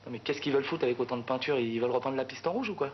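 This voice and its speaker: An actor playing a cocky, teasing driver in film dialogue. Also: male voice, mid-range voice, very fast, natural voice. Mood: confident. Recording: dull film soundtrack with noise.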